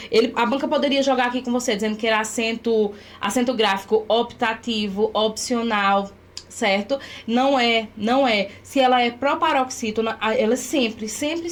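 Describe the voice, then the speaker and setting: A woman leads an exam-prep grammar lesson in a fairly high voice. She breaks each point down step by step and keeps checking that her students follow. She speaks as a teacher recording a lesson. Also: slight background noise. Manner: explains step by step, often checking with "certo?".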